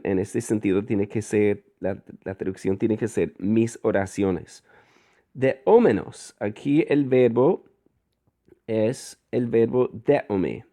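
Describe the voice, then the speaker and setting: Male teacher, slow and deliberate, dark mellow tone, stops to parse and correct himself. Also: mid-range voice. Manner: frequent fillers and self-corrections. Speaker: Koine Greek teacher. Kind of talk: guided reading lesson.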